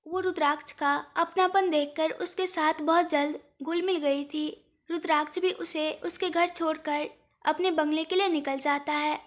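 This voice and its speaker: A woman storyteller giving a steady, scripted narration of a romantic story. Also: sits high.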